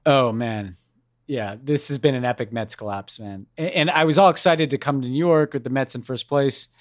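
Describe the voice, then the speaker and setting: A man's voice: medium pitch, moderate pace, no echo, clean studio sound. An American man co-hosting a podcast in casual, informal conversation, often repeating himself and backtracking. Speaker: podcast co-host.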